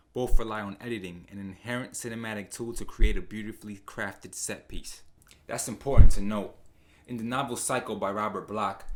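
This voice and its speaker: A man giving a scripted film-essay narration, with an emphatic, dramatic delivery, over a noisy recording. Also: lowish voice. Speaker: video essayist.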